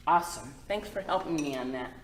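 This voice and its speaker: A middle-aged children's librarian hosts storytime, reading a picture book aloud and asking young listeners simple questions. Her low voice is expressive and brisk. The recording has a roomy echo and a noisy background.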